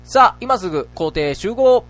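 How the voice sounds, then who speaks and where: A man's voice: high-pitched, lively intonation, normal speed, a bit bright, faint music behind, pitched above the performer's own voice. A man reading out a part as a male schoolteacher who runs a playground game, bossy, then confused. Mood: teacherly.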